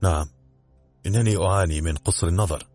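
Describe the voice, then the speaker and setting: A man's voice: sits low, quick pace, a little mellow, husky, dry recording, faint music behind. A man voicing a nearsighted, forgetful aunt who is polite and a little flustered, in a storybook reading.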